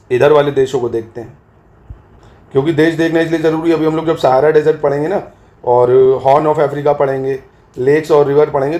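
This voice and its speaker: A man's voice: fairly high pitch, mellow. A male teacher giving an exam-prep geography lesson, asking questions and repeating the answers in a call-and-response drill, sometimes spelling words out letter by letter, with a Hindi accent from Uttar Pradesh.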